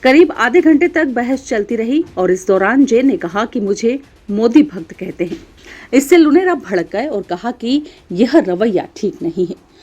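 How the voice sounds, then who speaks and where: A woman reading a local news bulletin in a formal, even voice. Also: fairly high pitch, measured pace. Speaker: news reader. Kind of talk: scripted news narration.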